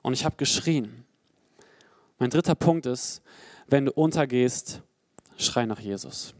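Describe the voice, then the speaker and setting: A young adult man preaching a sermon in an earnest, personal way, rising to emphatic peaks and dropping to quiet, low passages. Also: slow pace, no echo.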